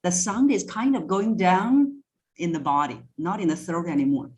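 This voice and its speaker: This voice coach, appearing as an interview guest, has a lowish and slightly mellow voice and speaks at an ordinary pace. Her talk is relaxed and instructive, with step-by-step examples as she offers expert advice.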